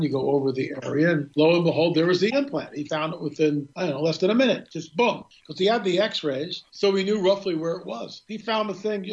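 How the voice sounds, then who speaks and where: Male guest storyteller, rambling delivery, fairly high voice, dull lo-fi sound. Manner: rambling, restarts often, clears throat. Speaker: guest filmmaker. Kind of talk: casual radio storytelling.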